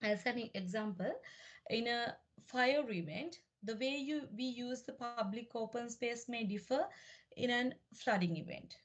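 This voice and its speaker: A woman from Sri Lanka giving an academic lecture about her doctoral research, speaking in a measured, explanatory way with frequent fillers and restarts. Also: on the high side.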